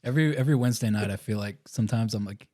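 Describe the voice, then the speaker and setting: A man's voice: fairly low pitch, very fast, dark tone. A man joking around in casual podcast chat. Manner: joking, laughs often.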